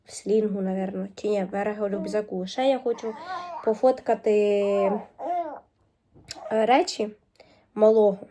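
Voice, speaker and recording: A woman's voice: mid-range voice, little pitch movement, unhurried, long pauses, a crowd in the background. A young woman vlogging casually as a mother, chatting to the camera and cooing to her baby. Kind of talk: casual daily vlog.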